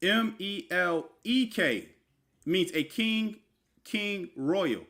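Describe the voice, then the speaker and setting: Extremely slow, with lively intonation, this man's high, somewhat bright voice guides a casual online teaching session with screen share. He's a religious teacher spelling scripture words letter by letter and explaining their meaning. His tone is informal, he addresses the listener as brother, and asides and fillers abound.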